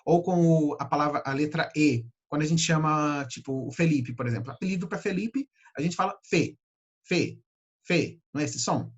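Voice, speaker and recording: A Brazilian man teaching English pronunciation, patiently repeating sounds slowly to demonstrate them. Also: on the high side, dull audio. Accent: Brazilian Portuguese. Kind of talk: pronunciation lesson.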